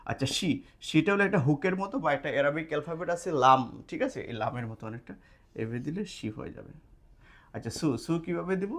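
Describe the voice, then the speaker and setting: Writing on a board in a classroom or study room, this male language teacher walks through his casual lesson step by step, frequently checking that listeners follow. His voice sits on the high side, fairly bright, and he talks at a quick pace; a camera mic records him.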